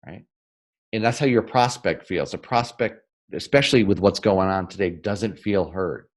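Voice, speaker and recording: Energetic man teaching sales on a podcast. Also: low-pitched. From northern United States. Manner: energetic and emphatic, keeps asking "right?"; speeds up and slows down for emphasis. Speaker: podcast guest, sales and marketing expert. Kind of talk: interview, teaching.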